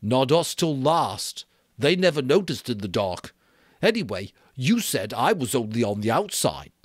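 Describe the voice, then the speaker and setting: A man voicing an anxious, stubborn schoolboy in a storybook reading, pleading and insistent with rough grammar. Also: mid-range voice, very animated, unhurried, dry recording, studio quality, pitched above the performer's own voice. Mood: furtive.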